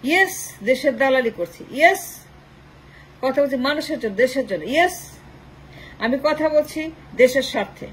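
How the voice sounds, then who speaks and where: A woman's voice: high-pitched, expressive, moderate pace, pauses often, a little hiss or hum, poor audio. A woman from Bangladesh, giving an impassioned political commentary monologue, piling up long rhetorical lists of short phrases and slipping English phrases in. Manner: slips English phrases into her talk.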